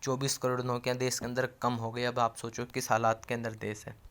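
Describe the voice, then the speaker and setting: A man speaks straight to his viewers in a casual rallying appeal. His voice is smooth and clear, and his pitch barely moves, so even his urgent pleas sound level. He presses the same points again and again and often breaks off mid-phrase to start over. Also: fairly quick. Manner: rallying and insistent, keeps calling viewers friends; restarts and trails off mid-phrase. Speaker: YouTube channel host addressing job aspirants.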